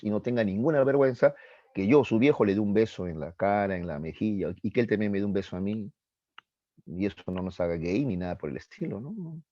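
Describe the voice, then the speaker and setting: A middle-aged man giving a psychology lecture to teenagers, acting out little voices and throwing in questions. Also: no room sound. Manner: animated, acts out voices and questions with rising pitch. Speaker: psychology teacher. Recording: dull, dry lo-fi recording.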